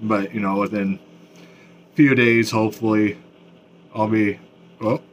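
A man talking through new dentures in a casual video update, his mouth still numb, halting with many fillers and restarts. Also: fairly low pitch, fairly even intonation, a little hiss or hum. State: mouth still numb after dental work. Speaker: vlogger.

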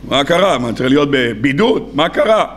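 A man's voice: medium pitch, big pitch swings, fairly bright tone, a little hiss or hum, voice pushed down. A man doing a tearful, eager young student. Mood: hurt.

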